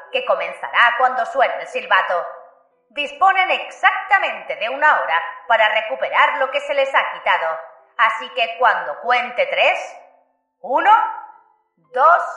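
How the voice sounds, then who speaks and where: A woman voicing a jovial middle-aged male announcer who booms his words out to a crowd. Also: sharp tone, roomy sound, full character voice, poor audio.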